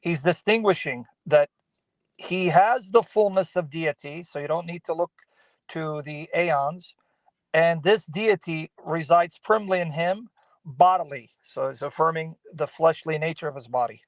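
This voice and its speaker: Guy on a video call from his phone in a parked car, higherish voice, dry sound, talks through greek words. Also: moderate pace, no echo, poor audio. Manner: explains Bible Greek terms, tries Greek pronunciations. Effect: calling in to a video stream from a phone in a parked car. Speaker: guest on a livestream. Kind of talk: casual theological chat. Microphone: phone, not on a computer.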